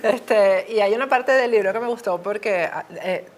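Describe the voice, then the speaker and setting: A woman hosts an interview at an average pitch for a woman. She talks conversationally and leans on hesitant fillers as she shapes her questions. She asks about her guest's book. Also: moderate pace.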